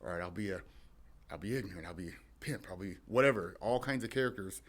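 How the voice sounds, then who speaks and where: A man's voice: low voice, fast talker. A young adult man from San Diego, a wrestler guest chatting casually and telling rambling stories with frequent laughs. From San Diego, USA. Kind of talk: casual chat.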